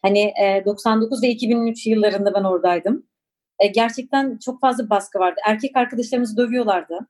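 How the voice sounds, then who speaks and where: A woman in her forties from Turkey recounts her own past, speaking thoughtfully with frequent pauses and fillers. Her voice sits in a middle register. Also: medium pitch, a little mellow. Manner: reflective, hesitant, with frequent fillers. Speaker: interviewee. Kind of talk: personal recollection.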